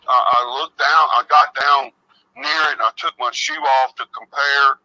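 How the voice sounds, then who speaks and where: Phone-in guest, male, muffled cell phone sound on a dry line, slow rambling storyteller. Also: medium pitch, pushed and bright, dry recording. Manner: rambling, stammering restarts. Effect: muffled cell phone audio held to a mic. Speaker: call-in guest. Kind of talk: storytelling first-hand encounter. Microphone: cell phone placed next to host's microphone.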